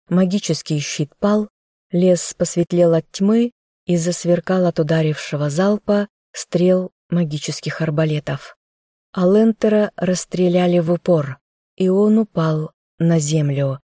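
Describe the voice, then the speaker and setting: A woman's voice: fairly low pitch, dark tone, no echo, studio quality. A woman narrating a fantasy novel in the first person, reading an audiobook.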